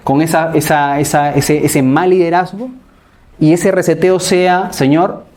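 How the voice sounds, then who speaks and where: A man's voice: fairly high pitch, flat delivery, measured pace, darkish tone. A male pastor, preaching a sermon and keeping his listeners with him through rhetorical questions and repeated tags. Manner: keeps asking rhetorical questions and adding a tag "¿no?".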